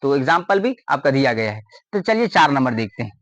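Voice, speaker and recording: A man's voice: mid-range voice, big pitch swings, a little fast, fairly bright tone, no echo. A man teaching a grammar lesson, often repeating a question to his students and then answering it.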